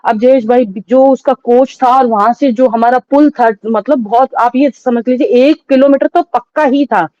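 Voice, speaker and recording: A middle-aged woman recounting a painful loss as an interview guest, in a halting, sorrowful way with many restarts. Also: high-pitched, dry recording, dull audio. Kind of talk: emotional personal testimony.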